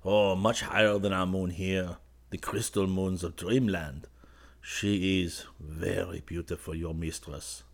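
A man voicing a drowsy young painter who murmurs softly and dreamily to a cat. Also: deep voice, fairly even intonation, measured pace. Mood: dreamy. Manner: soft, dreamy, musing.

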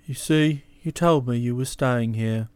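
Woman reader voicing a jilted young Englishman, hollow and halting, low and mournful, smooth dry sound. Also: darkish tone, no room sound. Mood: hollow gloomy.

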